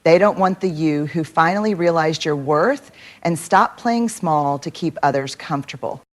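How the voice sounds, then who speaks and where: A woman giving a motivational speech, measured and emphatic, building her points through repetition. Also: low-pitched. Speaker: motivational speaker.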